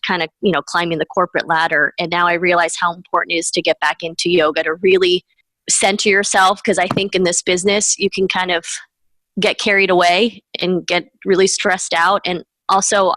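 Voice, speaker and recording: A woman whose first language was Spanish, a mortgage professional, appears as a guest in a conversational interview, chatting upbeat and laughing between points. Her voice is fairly low and steady, brisk and a bit bright. The recording is dry and rough.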